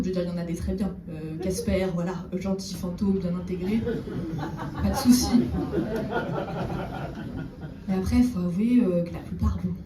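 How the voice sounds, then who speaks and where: A woman doing a stand-up comedy set on stage, chatting with the audience and slipping in deadpan ironic asides. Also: mid-range voice. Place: theater stage before a live audience. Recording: roomy echo, distant mic, audible room noise.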